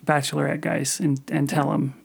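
Rambling, animated male podcast co-host. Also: on the high side, moderate pace, creaky, husky. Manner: rambling, animated, many restarts and fillers. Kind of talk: casual chat about films.

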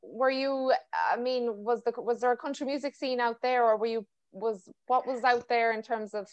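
West of ireland lady doing a podcast, chatty and informal, highish voice, dry sound. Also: fairly even intonation, normal speed, clear, resonant tone, no echo. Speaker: podcast host. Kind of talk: casual interview chat.

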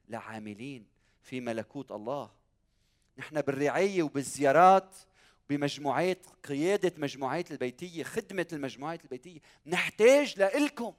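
A male pastor with a Lebanese Arabic accent delivers a church sermon in a fairly high-pitched voice. He speaks emphatically, repeats key phrases for weight and puts rhetorical questions straight to his listeners.

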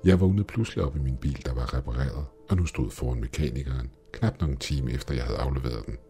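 A man narrating a scripted horror story in a measured, dramatic way. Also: extremely low pitch, warm tone. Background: faint music.

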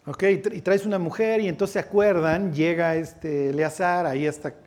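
A Mexican-accented man with a notably high voice gives a Bible teaching sermon. He talks casually, keeps asking whether his listeners are following, and mixes in everyday slang. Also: fairly even intonation, normal speed, a little mellow. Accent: Mexican Spanish. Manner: conversational, checks in with listeners, slangy asides. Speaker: preacher.

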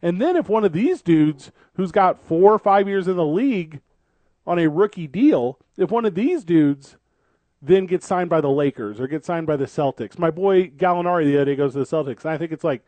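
A man's voice: fairly high pitch, brisk, dark tone, no room sound. A man hosting a sports radio show in casual, conversational talk, often repeating and rephrasing as he builds a point.

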